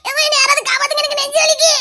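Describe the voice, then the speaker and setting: A woman's voice: very high-pitched, flat delivery, racing, pushed and bright. A woman performing a family comedy skit, wailing and crying out in exaggerated mock distress. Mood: comic wailing.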